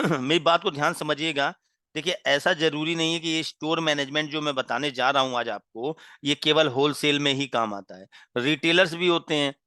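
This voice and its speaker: Brief: male software trainer, bright, higher-pitched voice, deliberate lecturing with frequent check-ins, dry close sound. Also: no echo. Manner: explains slowly, with frequent "ठीक है" check-ins and asides; pauses to clear his throat and apologize. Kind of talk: classroom-style lecture.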